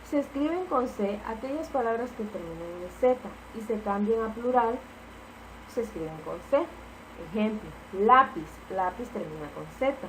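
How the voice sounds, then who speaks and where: A woman's voice: on the high side, animated, normal speed, slight background noise, rough recording. A woman teacher giving a spelling lesson, explaining each rule patiently and repeating the key points.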